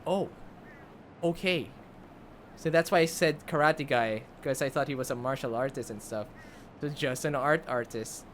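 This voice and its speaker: Game music plays as a young man streams from indoors, rambling through casual, chatty live commentary and often repeating himself. He has a headset on and uses a close desk microphone, and his mid-range voice moves at normal speed, a bit bright with a little hiss or hum.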